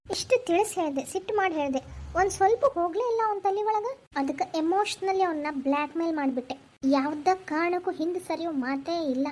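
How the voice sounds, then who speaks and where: A woman's voice: a little mellow, lightly acted. A woman voicing a scheming, manipulative young wife in a cartoon, with a North Karnataka Kannada accent. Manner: pleading, then plotting in low asides. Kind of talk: cartoon voice acting.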